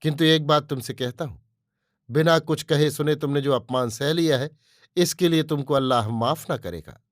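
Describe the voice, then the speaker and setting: A man's voice: on the high side, normal speed, no echo, studio quality, natural voice. A man voicing a fiery young male nationalist who lectures his friend emphatically in a storybook reading. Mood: stern. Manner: emphatic, preaching.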